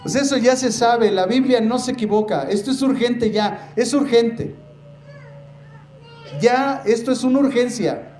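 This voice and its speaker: A man preaching to his congregation with a rather high voice, pressing hard on his main points and drawing words out for weight. He keeps turning to the listeners as brothers. The sound is roomy, with a faint hiss behind it. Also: a little mellow. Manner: emphatic, slows down to stress key words. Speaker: pastor. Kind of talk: sermon. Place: church. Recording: echoey church room with faint noise.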